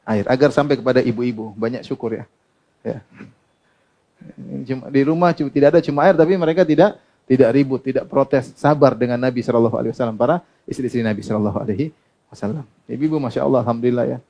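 This middle-aged Islamic preacher talks fast in a mellow, medium-pitched voice. Throughout his sermon he quotes and translates Arabic texts, raises questions for the audience and answers them himself, laughing often between points.

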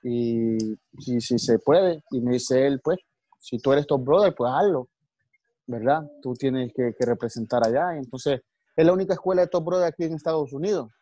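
In an interview, a Salvadoran man who coaches martial arts recounts his story with earnestness, often starting sentences over and slipping in religious asides. He speaks Salvadoran Spanish at a moderate pace. His voice is medium-pitched and dark, recorded without echo.

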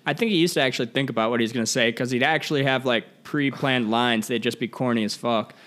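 A man co-hosting a fight podcast, chatting casually and ranting with swearing and quick impressions. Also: mid-range voice. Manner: animated, swearing, mimics others mid-rant. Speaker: podcast co-host. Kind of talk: casual chat.

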